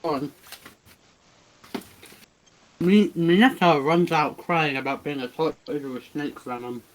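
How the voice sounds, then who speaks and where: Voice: mid-range voice, a little slow, slight background noise, low-quality recording. A person casually narrating a fan-fiction story over a voice call, joking and restarting phrases. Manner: joking, loose, trailing restarts.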